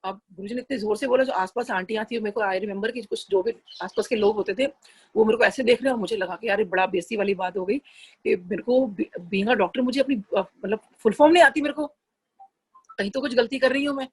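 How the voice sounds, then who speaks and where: A woman's voice: mid-range voice, fairly quick, a little mellow, slightly rough. A middle-aged woman telling a personal devotional story in a chatty, earnest way, often slipping into English phrases. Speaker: satsang devotee sharing a personal experience. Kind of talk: casual spoken testimony.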